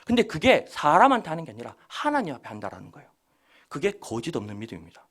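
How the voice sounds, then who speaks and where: A man's voice: on the high side, wildly swooping pitch, fast talker, a bit bright, husky. A male pastor giving a sermon, acting out quoted prayers and boasts as he preaches.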